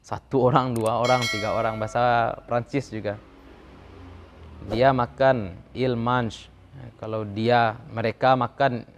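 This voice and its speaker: A man's voice: medium pitch, a little hiss or hum. Man teaching Arabic grammar in class. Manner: chants verb conjugations, jokes about dialects. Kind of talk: classroom lecture.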